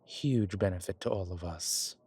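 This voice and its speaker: In an intimate audio roleplay, a man portrays a courteous vampire centuries old, his low, slightly mellow voice carrying a breathy edge. He explains things in a measured way, using refined speech, hesitant pauses and formal, old-fashioned phrasing.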